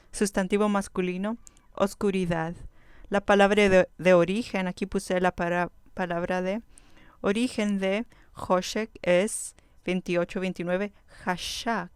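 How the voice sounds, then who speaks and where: A Biblical Hebrew teacher with a very clear, smooth, mid-range voice gives a vocabulary lesson at an unhurried pace. She slowly and carefully repeats each term before defining it. The sound is dry and close, with no room echo.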